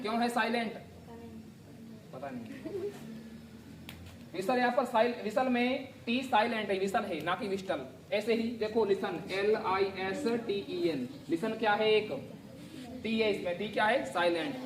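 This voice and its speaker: A teacher giving a grammar lesson, spelling words out letter by letter and asking the class questions. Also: mid-range voice. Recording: echoey classroom from far off. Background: class of students answering.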